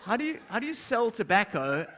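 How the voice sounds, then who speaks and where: A man's voice: high-pitched, very animated, brisk, fairly bright tone, faint music behind. A middle-aged man performing live stage comedy as a ventriloquist, asking questions as the straight man. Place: theatre stage. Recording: noisy live theatre stage recording.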